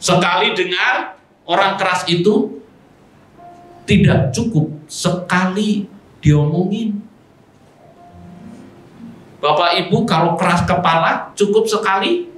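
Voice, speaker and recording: Male pastor, unhurried, higher voice, sermon to congregation, echoey church hall. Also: a bit bright, faint music behind. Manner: preaching to a congregation, acting out quoted speech.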